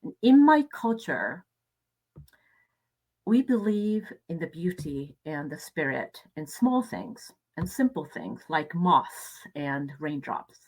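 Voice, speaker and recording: A middle-aged woman from Japan giving a conference presentation in a reflective, measured way, with hesitant fillers. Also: deep voice, very animated, darkish tone, poor audio.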